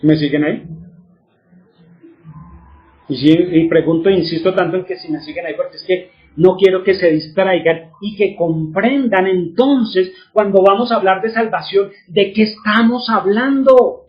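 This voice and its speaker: High-voiced man teaching, quizzing his listeners. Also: normal speed, muffled recording. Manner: asks the audience questions and answers them himself. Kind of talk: religious teaching.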